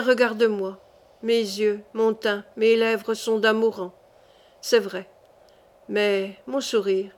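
A woman reading a dying young king. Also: fairly high pitch. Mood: resigned.

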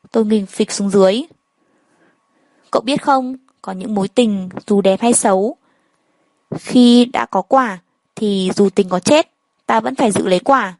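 Woman calmly narrating a story. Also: fairly high pitch, dry recording, rough recording. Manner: plain first-person storytelling, reading every character's lines in much the same voice. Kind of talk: first-person story reading.

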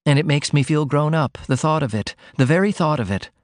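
Pitching his voice up from his own, a man plays an innocent young woman earnestly confiding in her mother in an audiobook. The voice comes out fairly high, fairly quick, and natural-sounding, recorded in studio quality with no room sound.

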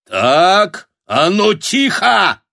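A man voicing an imperious, gruff landowner who barks orders. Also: medium pitch, slow, sharp tone, no echo, clean studio sound. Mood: commanding. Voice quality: gruff, barking. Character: imperious middle-aged landowner, gruff and barking. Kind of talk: audiobook character voice.

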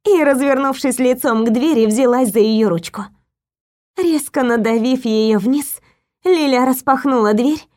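High-voiced woman narrating an audiobook. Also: darkish tone. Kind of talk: scripted narration.

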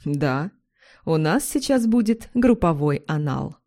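Woman reading a domineering man, rough and bossy, mellow low-set voice; storybook audio. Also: very animated, slow pace, heavily acted. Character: pushy domineering young man.

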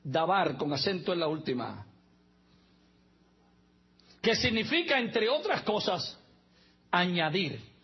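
A man's voice: high voice, wildly swooping pitch, slow pace, pauses often, slightly rough, muffled recording. A man preaching a sermon as pastor, mixing humorous asides with teaching and spelling out words letter by letter.

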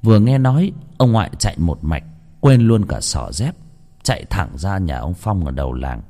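Low-voiced man narrating a horror tale. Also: big pitch swings, dark tone. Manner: measured, dramatic storytelling.

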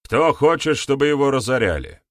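A man's voice: medium pitch, lively intonation, normal speed, a bit bright, dry recording, studio quality, pitched above the performer's own voice, lightly acted. A man voicing a proud, zealous village sorcerer-priest who declaims with passion, in a storybook reading. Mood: impassioned.

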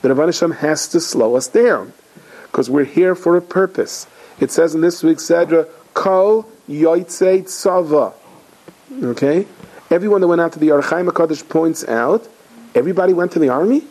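A middle-aged man, a rabbi, giving an animated storytelling sermon with many Hebrew and Yiddish terms, acting out the people in his stories. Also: fairly high pitch, brisk, poor audio.

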